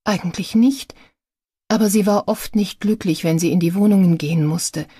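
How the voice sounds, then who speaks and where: A woman's voice: on the low side, moderate pace, warm tone, breathy edge, no echo, studio quality. A woman reading an audiobook, voicing a grieving adult daughter who speaks in an earnest, strained way.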